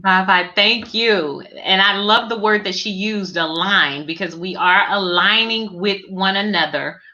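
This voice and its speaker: A woman's voice: mid-range voice, unhurried, bright, forceful tone, lo-fi sound. A woman hosting a live stream in an affirming manner, repeating phrases for emphasis as she speaks over a video call. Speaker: host.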